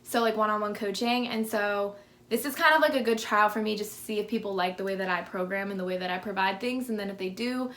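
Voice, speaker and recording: A woman's voice: medium pitch, quick pace, a bit bright. Chatty young woman with a lisp. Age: 20s. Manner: chatty, lots of "like" fillers. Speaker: fitness vlogger. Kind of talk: casual Q&A to camera.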